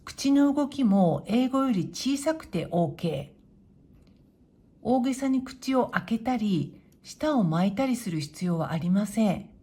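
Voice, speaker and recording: A woman teaching Japanese to beginners in a clear, patient way, modeling pronunciation slowly and encouraging learners. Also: mid-range voice, lively intonation, dark tone. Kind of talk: slow, clear explanatory lesson.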